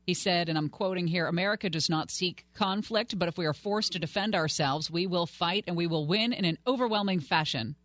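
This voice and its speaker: A woman's voice: lowish voice, brisk, few pauses, a bit bright, dry recording. A woman co-hosting a talk radio show in a casual, conversational way. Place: radio studio.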